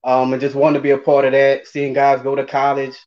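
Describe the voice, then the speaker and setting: This New Orleans man in his forties, a former college running back, is a fast talker with a mid-range, monotone voice. He's an interview guest on a remote video call from indoors, speaking casually and hesitantly in his New Orleans accent, heard through dull lo-fi audio.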